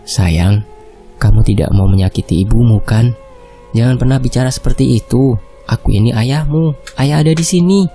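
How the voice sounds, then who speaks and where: Man reading kind male doctor, soothing, soft, very dark warm tone, faint music behind. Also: medium pitch, moderate pace, pauses often, lightly acted. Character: gentle, patient male doctor comforting a child.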